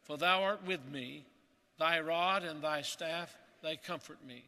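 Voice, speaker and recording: Bright-toned pastor at a pulpit microphone. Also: male voice, a little high, in a large hall. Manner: earnest, measured preaching that drops to a soft, hushed voice. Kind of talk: sermon.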